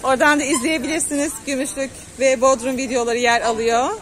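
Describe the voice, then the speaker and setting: Brief: woman travel vlogger, slightly high voice, chatty and upbeat toward viewers, outdoor street on a handheld camera. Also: flat delivery, fast talker, a bit bright. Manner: chatty, addresses followers directly, promotes market stalls. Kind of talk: walking tour vlog narration. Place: outdoor seaside market street.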